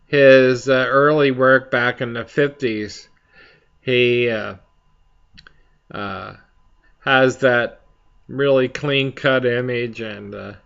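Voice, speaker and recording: A man hosting a casual, rambling chat for viewers, speaking haltingly as he searches for his words. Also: mid-range voice, fairly even intonation, gravelly, fairly bright tone, clean tone, muffled recording. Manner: halting, slow to find words. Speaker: pipe hobby video host.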